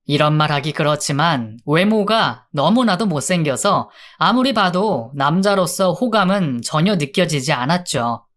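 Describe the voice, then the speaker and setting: A young adult woman narrating a true story for a radio drama in a conversational, polite tone. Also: lowish voice.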